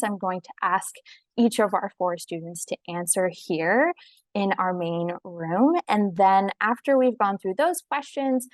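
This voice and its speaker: Moderating a student panel on a video call, a young woman host explains things in an organized manner. She speaks at a medium pitch, and her video call microphone picks up no room sound.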